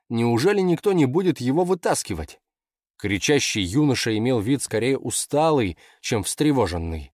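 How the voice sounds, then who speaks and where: A man reading fiction aloud in a measured, expressive narration. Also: fairly low pitch, dry recording, studio quality. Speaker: audiobook narrator. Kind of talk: scripted narration.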